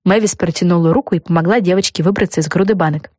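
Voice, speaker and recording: A woman narrating a children's storybook in a calm, even way. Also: fairly low pitch, fast talker, no echo, clean studio sound. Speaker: audiobook narrator.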